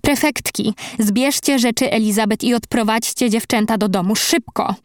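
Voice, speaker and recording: A woman's voice: a little high, normal speed, dry recording, studio quality, lightly acted. Woman reading a stern barking schoolmistress. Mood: commanding. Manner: sharp barked orders. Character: stern commanding female school mistress.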